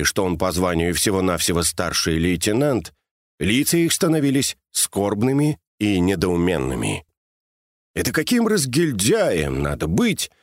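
Male audiobook narrator, measured and wry, animated intonation, dry booth sound. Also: on the low side, dry recording. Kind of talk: scripted narration of a novel.

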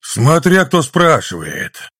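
A grumpy, dried-up old shopkeeper, as a male narrator puts him on, grumbling with dry sarcasm. The voice sits well above the narrator's own and jumps around a lot, with a husky edge. It is recorded dry and close. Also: on the high side, very animated, slow, fairly bright tone, no room sound, pitched above the performer's own voice, full character voice. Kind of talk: audiobook reading.

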